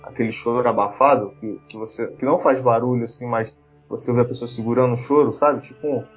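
A man's voice: mid-range voice, fairly even intonation, quick pace, slightly rough, muffled recording, faint music behind. A man with a Brazilian Portuguese accent telling a story in casual chat, full of fillers and restarts. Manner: chatty, lots of fillers and restarts.

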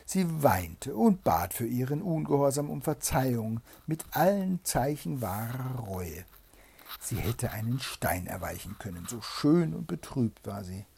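Gravelly man reading a fairy tale. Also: medium pitch, unhurried. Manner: dramatic, expressive narration. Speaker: storyteller.

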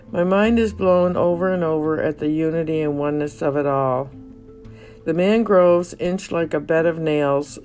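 A woman's voice: low-pitched, darkish tone. A woman reading her personal memoir aloud in a reflective, emotional, poetic way. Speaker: narrator. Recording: faint guitar music behind.

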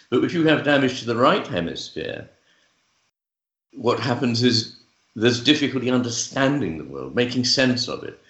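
A man speaking as a guest author, explaining ideas in measured talk with frequent pauses, fillers and restarts. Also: mid-range voice, fairly bright tone. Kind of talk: thoughtful explanatory interview talk. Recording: roomy, dull lo-fi sound.

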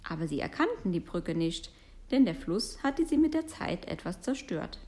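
A woman reading a children's story aloud in an expressive, sing-song storytelling manner. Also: fairly low pitch, normal speed. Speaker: storybook reader.

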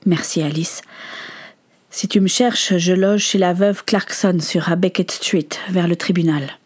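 A woman's voice: lowish voice, fairly even intonation, a little mellow. A woman reading a remorseful ex-convict father. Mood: pleading. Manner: halting, apologetic. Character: ashamed middle-aged father, former convict.

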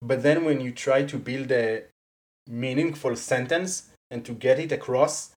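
An interview guest with an Israeli accent, speaking English as a second language after Hebrew, chats casually in a medium pitch. Animated and quick to laugh, they say "like" a lot and restart sentences.

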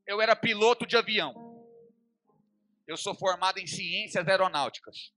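A young man preaching a testimony sermon, swinging from loud fervent passages to quiet storytelling. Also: high-pitched, normal speed, soft background music. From Brazil.

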